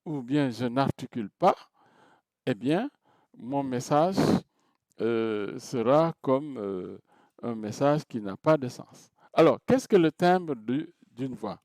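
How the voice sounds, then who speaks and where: A man teaching a recorded lecture to his students. He explains step by step and often hesitates, restarts and fills pauses. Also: mid-range voice, darkish tone, dry recording, studio quality. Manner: hesitant, many filler sounds and restarts; explains step by step, counts items aloud.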